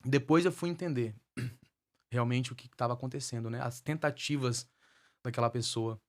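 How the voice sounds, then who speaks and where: A man's voice: medium pitch, moderate pace. A man, a guest minister, tells his life story as a testimony in a fervent preaching cadence and repeats phrases for emphasis.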